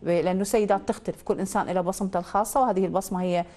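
Rapid-fire Iraqi woman astrologer. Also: mid-range voice, fairly even intonation, dark tone. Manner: probing questions, then confident pronouncements. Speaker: astrologer host. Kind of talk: call-in astrology reading.

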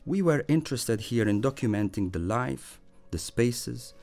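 A man reading a scripted, measured narration as a voice-over. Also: medium pitch, animated, creaky, a little mellow. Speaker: presenter. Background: faint music.

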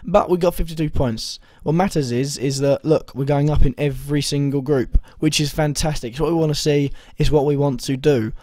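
A young man with a slightly hoarse voice that is still recovering, talking through his fantasy football week in a rambling way, full of ums and self-corrections. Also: fairly high pitch, fairly even intonation, brisk, few pauses, mellow, dry recording. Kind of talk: casual video commentary.

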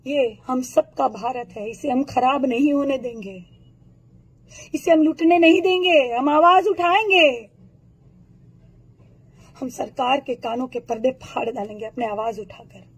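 Hoarse woman in a furious high-pitched rant. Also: measured pace, long pauses, poor audio. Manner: furious, accusatory, hurls insults and rhetorical questions. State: hoarse throat. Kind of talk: impassioned political rant to camera.

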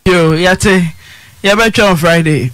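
A Ghanaian woman hosting a radio phone-in, pressing a caller with sharp questions and mocking laughter. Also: on the low side, measured pace, no echo. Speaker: radio host. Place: radio studio. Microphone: studio mic.

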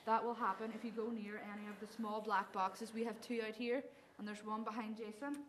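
A woman's voice: medium pitch, steady tone, brisk. Northern Irish woman ghost hunting, noisy recording. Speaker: paranormal investigator and presenter. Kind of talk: casual ghost-hunt vlog, calling out to spirits. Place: outdoor stone ruins at night. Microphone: camera a few steps away. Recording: clearly noisy handheld outdoor camera audio.

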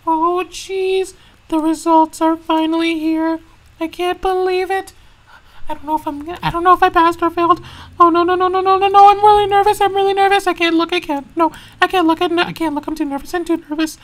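For a fan-made toy video, a woman voices Mario as a jittery, excitable young male racer. Her very high-pitched delivery is fairly quick and anxious, full of stammers, repetition and fretting out loud.

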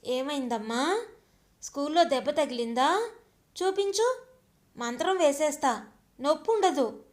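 A woman voicing a gentle soothing grandmother. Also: high voice, lively intonation, a little slow. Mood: coaxing. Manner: soothing, coaxing. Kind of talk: audio story reading.

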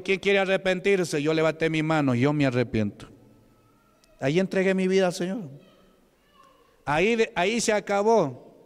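A Peruvian man preaches in a church hall, telling his testimony in a chatty way and turning questions to his listeners. His voice is smooth, resonant and slightly higher than most men's. A long reverb from the hall trails after every phrase. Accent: Peruvian Spanish. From Peru. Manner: conversational, asks the congregation questions. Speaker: pastor. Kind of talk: testimony sermon.

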